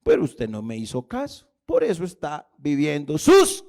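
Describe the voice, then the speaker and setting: A man voicing the Lord as a patient, gentle father speaking softly and slowly to his child. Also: a little high, huge pitch swings, pitched below the performer's own voice. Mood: gentle rebuke.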